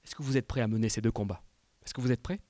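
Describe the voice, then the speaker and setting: Male preacher, mid-range voice, sermon delivery with emphatic climbs and hushed endings. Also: medium pitch, fast, no room sound, studio quality. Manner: rising to emphatic peaks, then dropping quiet; asks the listeners direct questions. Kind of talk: evening sermon.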